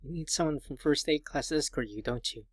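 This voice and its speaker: A man's voice: a little high, brisk, dry recording, studio quality, pitched above the performer's own voice, natural voice. A man voicing worried classmates who anxiously check on a crying girl in a visual novel. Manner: anxious questioning.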